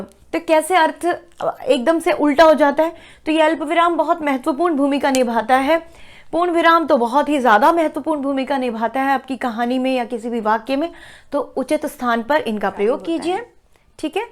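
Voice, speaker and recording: Woman teacher with a high-pitched voice, patient classroom delivery, steps through the material and often asks if students follow. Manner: explains step by step, checks understanding with "ठीक है?"; slows down to read example sentences aloud. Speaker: Hindi teacher. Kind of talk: classroom explanation.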